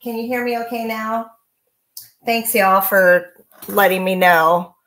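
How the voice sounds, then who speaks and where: A woman's voice: mid-range voice, slow. A woman, chatting casually while she demonstrates painting live, with lots of fillers. She speaks from an indoor studio, facing away from the camera mic behind her. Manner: chatty, relaxed, many fillers. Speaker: painting instructor.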